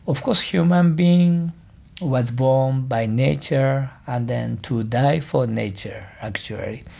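A man with a Japanese accent, a musician and native Japanese speaker, answering interview questions in English, halting and searching for words. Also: mid-range voice, creaky, a little mellow.

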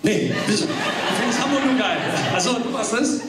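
Stand-up comic, man, 30s: high, animated, echoing and distant on stage, loud audience noise. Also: moderate pace, over a noisy crowd. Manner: animated storytelling, often laughing. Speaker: stand-up comedian. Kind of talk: stand-up comedy set. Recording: echoey stage sound from far off, loud audience.

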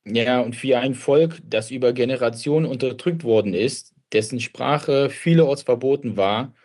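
Measured man giving an interview. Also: medium pitch, darkish tone. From Kurdish family, grew up in Germany. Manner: reflective and measured, with brief restarts. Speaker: interview guest. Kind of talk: earnest interview answers.

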